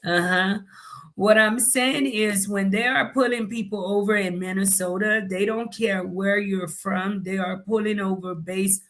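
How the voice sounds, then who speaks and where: A woman hosting a live-stream talk show, speaking in a measured way as she reads out and thanks viewer comments. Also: medium pitch, steady tone, fairly bright tone. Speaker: host.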